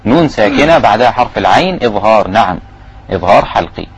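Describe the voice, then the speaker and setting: A man with an Egyptian accent teaching Quran recitation, giving quick explanations broken by slow, drawn-out recited phrases. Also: fairly low pitch, animated, slightly rough, dull audio. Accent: Egyptian Arabic. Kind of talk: recitation lesson.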